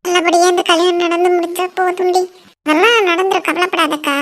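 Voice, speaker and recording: A woman's voice: very high-pitched, level tone, fairly quick, fairly bright tone, slight background noise. A woman voicing chatty village women gossiping and teasing at a family wedding in a cartoon. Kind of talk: cartoon voice acting.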